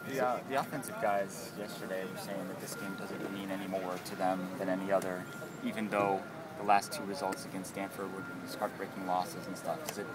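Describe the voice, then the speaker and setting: A man working as a sports reporter, asking halting questions in a press scrum and rephrasing them as he goes. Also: deep voice, level tone, far from the mic, a loud crowd. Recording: off-mic, loud outdoor traffic noise.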